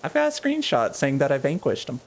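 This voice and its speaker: A man's voice: medium pitch, huge pitch swings, fairly quick, creaky. A man streaming a game, chatting casually and wryly while he plays. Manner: laid-back, wry, thinks aloud while playing. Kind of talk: casual gameplay chat.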